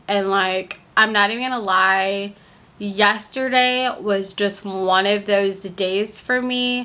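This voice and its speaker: Speaking directly to a camera on a stand, a young woman shares a relaxed heart-to-heart vlog in a mid-range voice. She sounds bright, forward, and candid, taking her time and leaning on fillers like "like." A lingering cold makes her slightly congested.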